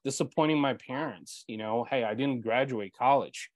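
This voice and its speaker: Medium-pitched and speaking at normal speed, a podcast host in his forties, Bulgarian by mother tongue, interviews a guest on a video call through earbuds. He tells his story earnestly, peppered with "you know," and there's no echo.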